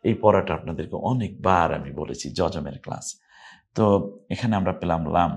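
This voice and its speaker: Man teaching Quran recitation, chanting drawn-out words. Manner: explains plainly, then chants the Arabic words slow, high and loud. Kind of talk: spoken tajweed lesson.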